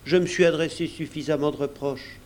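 A man's voice: fairly high pitch, fairly even intonation, a little fast, a little mellow, slight background noise, pitched above the performer's own voice, close to an everyday voice. A man reading as an honest, loyal young boy, speaking earnestly.

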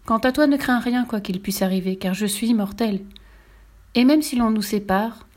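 A woman voicing a wise, gentle immortal mermaid in a read-aloud storybook. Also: fairly high pitch, moderate pace, natural voice. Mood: reassuring. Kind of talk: storybook reading.

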